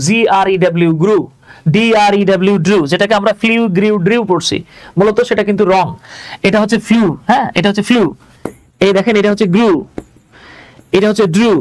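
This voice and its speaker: Quick, high-voiced man teaching English. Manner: chatty, asks viewers to check along. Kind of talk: live online lesson.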